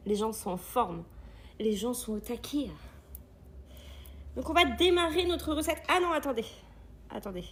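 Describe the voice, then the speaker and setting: A woman's voice: a little high, expressive, moderate pace, long pauses. A woman hosting a live cooking stream from an agency kitchen, chatting with viewers, greeting them often and reading their comments aloud.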